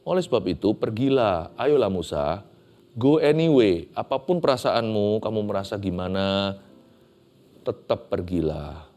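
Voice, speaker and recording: A man voicing God as a patient figure gently urging and quizzing a reluctant servant. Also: on the low side, expressive, a little slow. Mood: coaxing. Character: patient coaxing male God.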